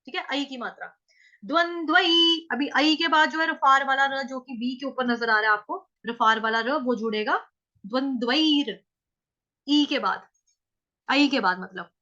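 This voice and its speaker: A woman teaching Sanskrit pronunciation, drawing words out syllable by syllable and then explaining quickly. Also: high voice, bright, forceful tone, muffled recording. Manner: slow, drawn-out syllable-by-syllable recitation alternating with quick explanations. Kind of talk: step-by-step pronunciation lesson.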